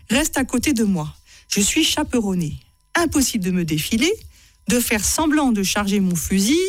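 A woman's voice: on the high side, no echo. A woman author reading excerpts from her own writing to an audience, chatty and self-mocking, often laughing at her own lines.

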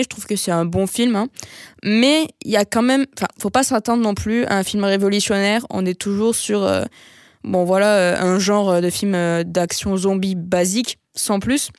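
A woman's voice: medium pitch, smooth, dry recording. Casting: young woman, casual film chat, chatty, dry close recording. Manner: chatty, filler-laden, laughs at herself.

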